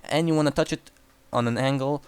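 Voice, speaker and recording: With no room sound, a young man's smooth, medium-pitched voice moves fairly quickly with fairly even intonation as he analyzes a replay. Speaking with a Croatian accent, he coaches the player bluntly, swears casually and often restarts what he's saying.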